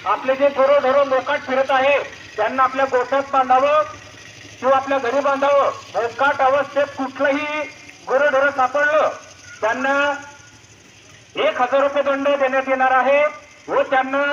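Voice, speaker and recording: A man calls out an official notice over a loudspeaker, his voice very high and held in a flat, unchanging line. The sound is echoey and muffled, as a PA horn makes it, with faint noise behind. He repeats the notice in formal, deliberate phrases. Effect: over a loudspeaker on a rickshaw. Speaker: village public announcer. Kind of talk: public announcement.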